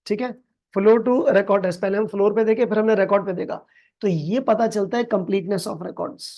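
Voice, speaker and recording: A male accounting tutor with a Pakistani Urdu accent gives a recorded video lecture, explaining slowly in Hindi-Urdu with English terms and coaxing the class along while calling students "beta". He reads the case text in English word by word, very slowly and deliberately, in a mellow, high-sitting, steady voice, with the highs cut off in the audio.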